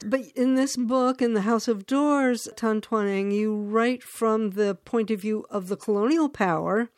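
Female interviewer, somewhat high pitch, very slow measured delivery. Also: a little mellow, no room sound.

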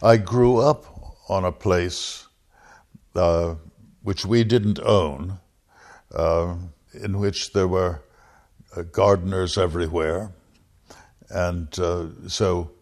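An older man with a fairly low voice speaks very slowly, choosing each word with care. He answers questions reflectively, pausing often and trailing into soft fillers before going on. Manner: measured, hesitant, with frequent pauses and fillers. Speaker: poet being interviewed. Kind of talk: reflective interview answers and poetry reading.

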